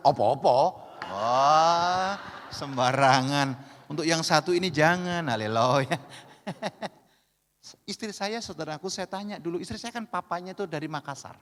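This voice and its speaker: Middle-aged Javanese-accented pastor, bright forceful voice, lively jokey sermon that swings from loud to hushed, long church-hall echo. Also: male voice, on the high side, moderate pace. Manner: animated and joking, swinging between loud calls and quiet asides.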